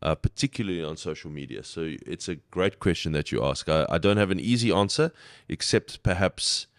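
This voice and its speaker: A man's voice: sits low, a little fast, no room sound, clean studio sound. A man giving thoughtful interview answers, hesitantly repeating words as he reflects. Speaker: interview guest.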